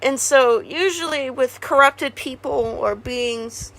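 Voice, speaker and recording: Woman, streamer, casual livestream chat, halting, rambling, slightly high pitch. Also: gravelly, a bit bright. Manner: rambling, halting, full of restarts.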